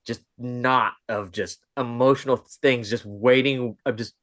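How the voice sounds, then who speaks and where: Excitable man in a dry room. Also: mid-range voice, unhurried, no echo. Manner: excitable, animated storytelling with big swings. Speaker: podcast guest. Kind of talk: casual livestream chat.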